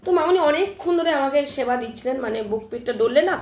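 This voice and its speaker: A woman retelling a personal scare to her live-stream viewers in an animated, emphatic way, often checking in with her listeners, while her throat is still sore. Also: high-pitched, rapid-fire, roomy sound. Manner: animated, emphatic retelling with frequent "ঠিক আছে?" check-ins. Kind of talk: casual live-stream storytelling.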